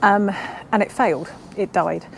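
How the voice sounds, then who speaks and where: A woman's voice: medium pitch, unhurried, creaky, slight background noise. A woman vlogging as she works on her motorbike in a home garage, chatty and self-mocking, reading instructions aloud. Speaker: motovlogger. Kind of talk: casual chat while working on a motorbike.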